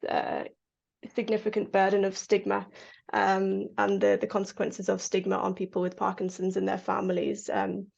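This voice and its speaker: A woman from Kenya speaks earnestly as an interviewed Parkinson's researcher, with a gravelly edge to her voice. She talks in halting runs full of fillers and restarts. The audio is dull and lo-fi, as over a video call. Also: mid-range voice, monotone, darkish tone. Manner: earnest, many fillers and restarts, laughs often. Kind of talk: interview answers.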